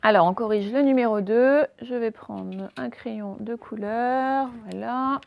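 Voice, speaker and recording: A woman teacher giving a recorded phonics lesson for young children, sounding out each word clearly and stressing the target sounds. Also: a little high, measured pace, a little mellow, no room sound.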